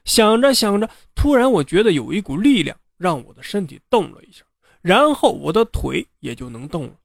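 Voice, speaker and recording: A man narrating a ghost story in an unhurried, conversational way. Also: high-pitched, very animated, gravelly, dry recording, studio quality. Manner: unhurried, conversational telling with drawn-out particles.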